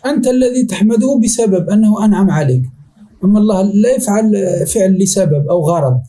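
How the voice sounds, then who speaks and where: Male sheikh, high-pitched but mellow, patient classroom teacher who repeats each definition. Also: animated, poor audio. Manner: repeats definitions slowly, checks understanding often. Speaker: sheikh teaching Arabic rhetoric. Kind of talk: classroom lesson explaining a text.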